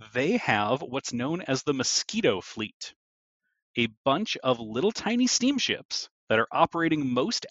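A man's voice: medium pitch, a bit bright, dry recording. A man narrating a tabletop game as game master, in a descriptive, easygoing manner. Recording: dull lo-fi audio.

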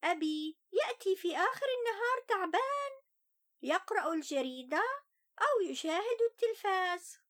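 A woman's voice: extremely high pitch, animated, normal speed, fairly bright tone, pitched above the performer's own voice. A woman voicing a sulky, plaintive young boy who feels unloved, in a children's story. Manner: plaintive, complaining.

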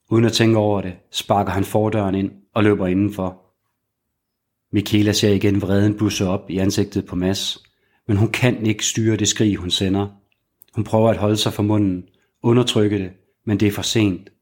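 A man narrates a crime thriller in the manner of an audiobook. His voice sits somewhat low, and he keeps his storytelling measured and even throughout.

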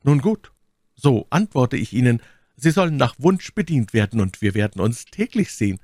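Brief: sardonic aristocrat, read by a male narrator, dry close sound, calm menace. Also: mid-range voice, no room sound, pitched above the performer's own voice. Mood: ironic. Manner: coolly sarcastic, measured threats. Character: cold, mocking English lord, calm and menacing. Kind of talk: audiobook character reading.

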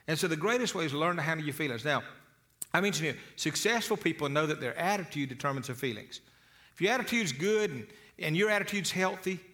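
A man delivers a motivational talk to an audience in a bright, forceful voice pitched slightly high. He tells stories in a folksy way, with lively asides. He often doubles a word as he restarts a phrase. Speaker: motivational speaker.

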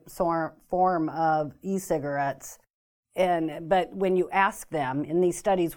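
A woman with a fairly low, slightly mellow voice speaks as a guest expert on an informational talk show. She explains things carefully but hesitantly, with many ums and restarts.

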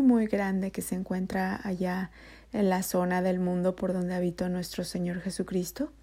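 A woman telling Bible stories to children in a gentle way, often dropping to a whisper. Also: medium pitch. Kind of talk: storytelling for children.

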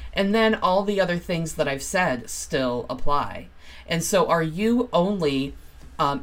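Woman, low pitch, earnest, self-help talk, repeats points, frequent ums. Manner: acts out quoted inner voices with livelier, louder delivery. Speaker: podcast host.

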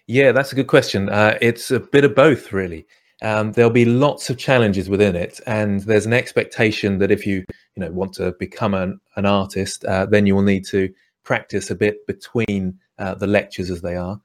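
Man, drawing teacher, lowish voice, halting, lots of ums. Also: fairly even intonation. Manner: hesitant, many ums and restarts. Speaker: drawing course instructor. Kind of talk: live online Q&A.

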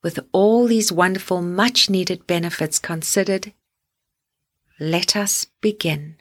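A woman hosts a guided sleep meditation in a fairly low voice. She speaks gently and soothingly, in deliberate phrases punctuated by long pauses.

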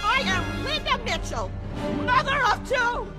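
A woman voicing a fierce, defiant mother in an animated film, declaiming grandly. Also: very high voice, unhurried, loud music behind the voice, exaggerated voice. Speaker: film character. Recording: film clip over loud score.

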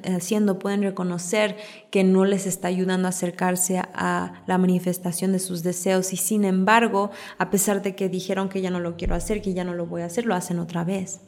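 Even-toned woman hosting a self-help podcast. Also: medium pitch. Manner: calm, explanatory, uses repeated examples. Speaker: podcast host. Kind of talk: reflective self-help monologue.

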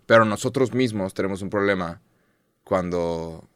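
A man's voice: low-pitched, moderate pace, clear, resonant tone, dry recording, studio quality. A man with a Mexican accent, co-hosting a podcast in casual, slangy chat and telling a story with a lot of swearing. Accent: Mexican Spanish. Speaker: podcast co-host.

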